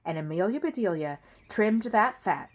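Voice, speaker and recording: A woman storybook reader reads a children's story aloud in an expressive storytelling style. Her voice sits in the mid range, and she keeps a moderate pace.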